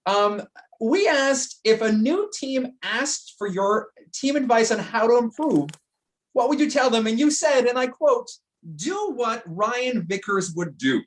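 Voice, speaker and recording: A man's voice: extremely high pitch, unhurried. A man hosting a casual online interview, chatty and jokey, often restarting his sentences. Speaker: interview host.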